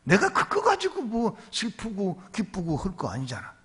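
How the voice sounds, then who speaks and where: A man voicing a clever young boy who calmly reassures his mother in a sermon story. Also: sits high, normal speed, breathy edge, exaggerated voice. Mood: calm reassuring.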